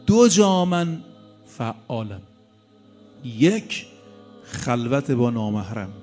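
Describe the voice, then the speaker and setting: A sly, scheming Satan, as a preacher puts him on within a sermon story, coaxing and insistent in his pitch. The voice sits a touch high for a man, with faint music underneath. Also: expressive, close to an everyday voice. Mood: gloating. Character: sly wheedling male Satan, scheming tempter.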